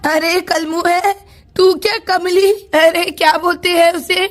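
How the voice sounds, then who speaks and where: A woman's voice: very high-pitched, level tone. A woman voicing a scolding old grandmother. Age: older. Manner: scolding, drawn-out. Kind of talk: doll story voice acting.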